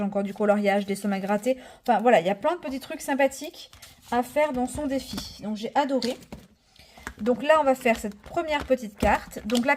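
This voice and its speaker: A woman in her thirties chatting casually through a budgeting vlog, full of fillers, enthusiastic and counting money out loud. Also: fairly high pitch. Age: 30s. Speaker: budget vlogger.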